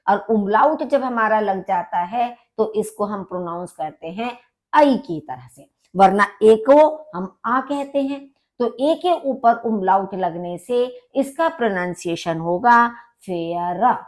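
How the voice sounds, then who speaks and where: Slow, deliberate woman teacher. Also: medium pitch. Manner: repeats each word slowly and loudly, then explains pronunciation quietly. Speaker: language teacher. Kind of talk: vocabulary lesson, slow repetition.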